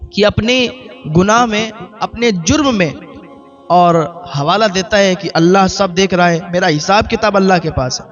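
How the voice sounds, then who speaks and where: Higher-voiced man preaching a story sermon. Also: dull audio.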